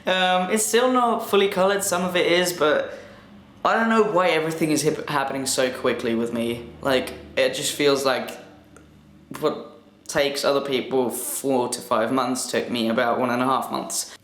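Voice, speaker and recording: A man's voice: mid-range voice, moderate pace, fairly bright tone. Chatty young man with cracking voice. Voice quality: voice cracks now and then. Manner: chatty and upbeat, laughs often, swears casually. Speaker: vlogger. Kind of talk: casual chat to camera. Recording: echoey room.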